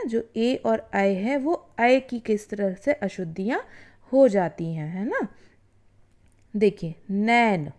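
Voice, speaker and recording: Woman teacher going over spelling mistakes for kids, mellow voice, stretches out each example word, keeps asking if they get it. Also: medium pitch. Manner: drawn-out demonstration of words, frequent "है ना" and "ठीक है"; addresses the students directly as children. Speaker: school Hindi teacher. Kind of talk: classroom lesson explaining spelling errors.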